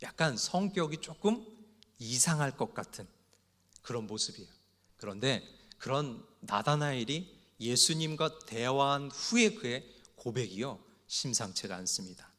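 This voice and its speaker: A man preaches to his congregation at a mid-pitched, even register. He tells the sermon as a string of light, humorous anecdotes. His voice carries a long reverb from the church sanctuary. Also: a little slow. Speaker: pastor. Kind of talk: evening worship sermon.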